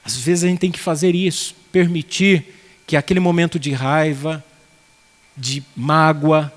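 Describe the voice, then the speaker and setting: A man's voice: on the high side, steady tone, measured pace. A man preaching an expository sermon, earnest and conversational, with folksy anecdotes. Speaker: pastor. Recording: long hall reverb.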